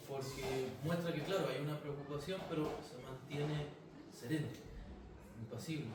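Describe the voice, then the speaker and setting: Man in a church class asking softly from across an echoey room with clear background noise. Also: a little high, fairly even intonation, moderate pace, distant mic. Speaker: class member asking a question.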